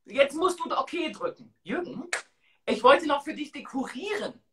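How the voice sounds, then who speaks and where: A woman in her forties hosting a casual live stream, chatting in an expressive, exclamatory way. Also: high voice, moderate pace, noisy background. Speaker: host of a live-stream talk show. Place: small tiled room indoors.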